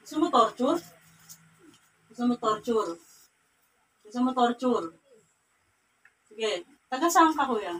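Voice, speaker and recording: A woman's voice: a little high, sing-song, slow pace, long pauses, fairly bright tone. A woman faith healer with a Cagayan Valley accent, sternly questioning and scolding in a repetitive way. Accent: Filipino, Cagayan Valley. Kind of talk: healing ritual interrogation. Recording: distant mic with faint ambient noise.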